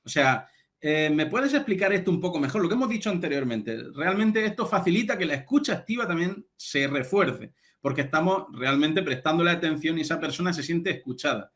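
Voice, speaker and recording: A man's voice: fairly high pitch, expressive, fairly quick, a bit bright. A man lecturing a class, explaining ideas step by step with frequent check-in words and fillers.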